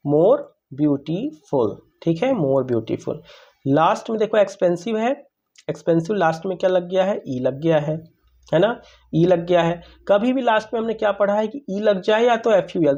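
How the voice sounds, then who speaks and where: A man's voice: high voice, mellow, lo-fi sound. A man teaching English grammar, who keeps asking questions and answering them himself and calls his listeners brother. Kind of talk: classroom-style grammar lesson.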